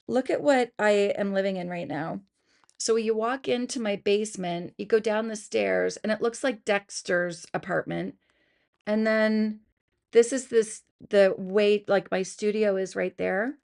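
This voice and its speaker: A woman's voice: medium pitch, a little mellow. A Canadian woman in her fifties, chatting casually on a livestream from her basement home studio, oversharing and apologizing as she greets viewers, through her computer's built-in mic. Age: 50s. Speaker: beauty vlogger. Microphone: computer mic, no good equipment.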